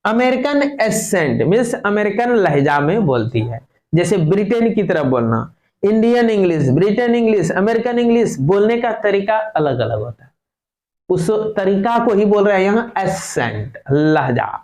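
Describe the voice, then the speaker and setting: A man with a high-pitched voice teaches a class, reading English lines and explaining them at length. He keeps asking the students questions and repeats their replies back to them. The room rings with echo. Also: big pitch swings, moderate pace, a little mellow.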